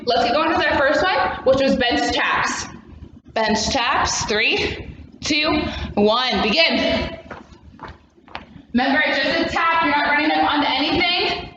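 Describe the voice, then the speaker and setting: A woman's voice: high-pitched, expressive, a little slow, bright, forceful tone. A woman leading a workout as an aerobics instructor, demonstrating exercises and counting down in short, encouraging cues. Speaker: fitness class instructor. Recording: echoey room, distant mic, muffled, noisy.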